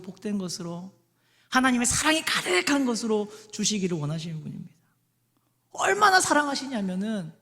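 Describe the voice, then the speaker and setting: A male pastor, preaching a lively sermon and coaxing the congregation to call out and repeat after him. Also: sits high. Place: large church sanctuary. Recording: long hall reverb.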